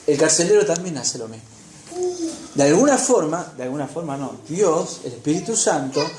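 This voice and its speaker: A sermon in church features an Argentine-accented preacher recounting a Bible story and asking the congregation rhetorical questions. The voice is mid-range and a little mellow, heard in an echoey room with slight background noise.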